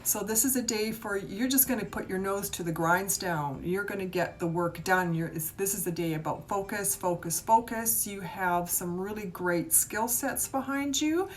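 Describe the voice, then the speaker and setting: A woman gives a casual, encouraging live tarot reading, chatting informally with viewers in a meandering way. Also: a little slow. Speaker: tarot reader and reiki healer hosting a live stream. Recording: live stream with clear rumbling noise.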